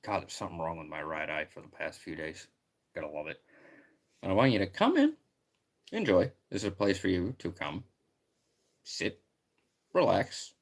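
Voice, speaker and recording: A man chatting casually on a live stream, rambling and excitable, greeting viewers loudly. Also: low voice, moderate pace, gravelly, pauses often.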